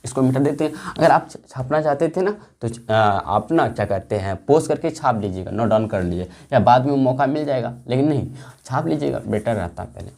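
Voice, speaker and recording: A man's voice: mid-range voice, expressive, fairly quick, vocal fry, darkish tone. A man teaching a maths lesson, asking questions and answering them himself, with a lot of repetition. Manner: asks and answers his own questions, repetitive. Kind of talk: classroom lesson.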